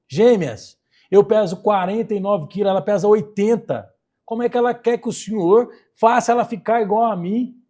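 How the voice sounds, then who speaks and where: A scolding, exasperated young woman, as a Brazilian man puts her on in a retold story. The voice is pushed higher and louder than his own, with a husky edge and wide swings in pitch. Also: sing-song, normal speed, heavily acted. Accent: Brazilian Portuguese. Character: indignant slim young woman, an exasperated twin.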